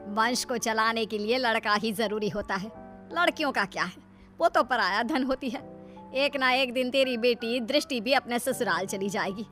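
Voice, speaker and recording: Brief: a stern, lecturing older mother-in-law for a cartoon story, voiced by a woman, fairly high voice, music bed behind. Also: moderate pace, fairly bright tone, natural voice. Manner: lecturing, insistent.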